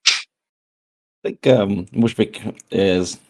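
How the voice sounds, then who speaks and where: A man's voice: on the low side, drawn-out words. A man chatting casually as a player in a tabletop role-playing game, tentative as he describes his character.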